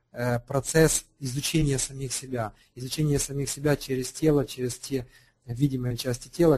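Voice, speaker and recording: A man speaks off the cuff as an alternative health practitioner, his voice mellow and dark in tone at a middling pitch. He hesitates often, filling gaps and restarting phrases as he explains. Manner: hesitant, many fillers and restarts. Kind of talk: unscripted explanatory talk.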